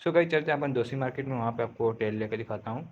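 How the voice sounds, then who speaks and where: A man's voice: mid-range voice, a little hiss or hum. Guy doing a casual trading walkthrough, keeps restarting words, muffled lo-fi mic. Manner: informal, repeats himself, frequent self-corrections; says he is speaking slowly on purpose today. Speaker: trading tutor. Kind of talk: casual screen-share tutorial talk.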